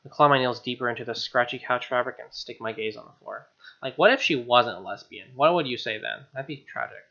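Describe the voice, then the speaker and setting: A young let's play host reads game text aloud with irreverent, slangy commentary, his mid-range voice bright, creaky and forceful, his pace a little fast. Game music with guitar plays behind him, picked up on a dull lo-fi mic.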